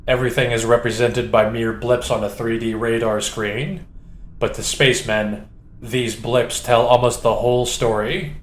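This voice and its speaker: A man reads audiobook narration in a steady, descriptive way. His voice sits at a middle pitch. The recording has a roomy echo around it. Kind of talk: scripted narration.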